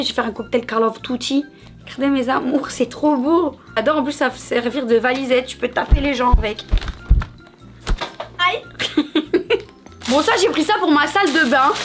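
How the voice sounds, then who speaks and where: A woman in her thirties, a haul vlogger, chats bubbly and casually through a shopping haul video, addressing her viewers directly and calling them "mes amours." Her voice is high and a bit bright, at a normal speed, with faint music in the background.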